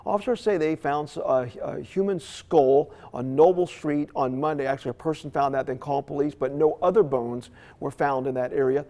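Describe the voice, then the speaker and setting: This American morning news anchor has a voice pitched a bit above the typical man's, with a dark tone and a fairly quick delivery. He reads stories and runs live interviews in classic broadcast news fashion.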